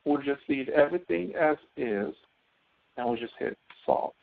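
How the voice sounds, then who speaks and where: A course instructor teaches a live software tutorial, walking through each step, his voice coming through narrow, phone-like audio. He has a medium, gravelly pitch and an animated delivery at a measured pace.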